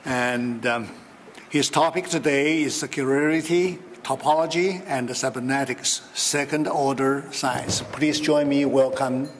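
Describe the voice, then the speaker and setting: Guy slowly introducing the keynote, lots of uhs and throat clearing, echoey hall. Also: mid-range voice, steady tone. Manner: halting, slow, many uhs and throat clearing. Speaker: session chair introducing speaker. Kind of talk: formal introduction. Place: hotel conference hall. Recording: reverberant hall, faint background noise.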